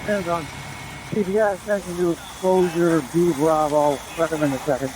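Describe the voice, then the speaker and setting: A man's voice: fairly high pitch, fairly even intonation, normal speed. A man working as a fire commander, giving clipped, procedural calls over fireground radio. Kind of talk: emergency radio traffic. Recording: noisy fireground radio, engines idling.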